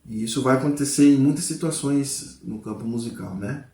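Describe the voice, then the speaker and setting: Warm and medium-pitched at a moderate pace, a man gives an informal guitar lesson in an echoey room. He patiently explains while naming the notes he plays, constantly adding "tá?" and "né?" to make sure the viewer is following.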